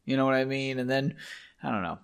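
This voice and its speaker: A man's voice: medium pitch, quick pace, creaky, smooth. Joking man reading a book aloud. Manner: loose, joking and self-deprecating, swears casually. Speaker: podcast host reading a novel aloud. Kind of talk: book reading with casual commentary.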